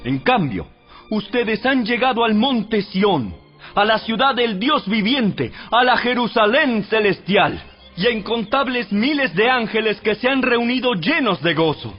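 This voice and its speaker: Male narrator, high-pitched, solemn and measured, for scripted audio Bible with faint background music. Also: big pitch swings. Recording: dull radio-like sound with music behind.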